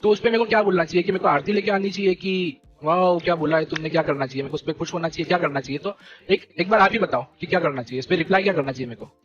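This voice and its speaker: A young man leading a gaming team, ranting to his stream viewers in an animated, indignant way and repeating fillers. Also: a little high, very fast, muffled recording, over music. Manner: animated and indignant, keeps repeating "theek hai" and "bhai". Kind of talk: heated live-stream rant.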